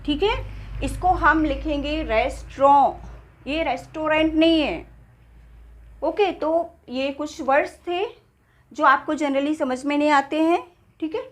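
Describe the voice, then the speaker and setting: A woman teaching spoken English with an Indian accent, repeating each word slowly and checking in with her students. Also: high voice.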